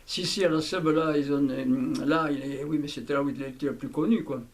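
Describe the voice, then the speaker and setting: An elderly man from southwest France talks casually and haltingly, repeating himself, recorded by a hidden microphone. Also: a little high, steady tone. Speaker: interviewee, childhood friend recalling the past. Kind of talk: casual conversation, reminiscing. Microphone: hidden camera microphone. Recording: noisy candid hidden-mic recording, clicks.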